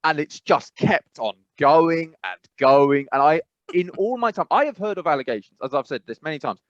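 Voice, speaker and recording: With a voice on the high side, lively intonation, and a moderate pace, plus no room sound, a man from England co-hosts an easygoing podcast. His talk is rambling and hesitant, full of fillers and restarts, and he laughs while talking; the mic is dull, dry, and lo-fi.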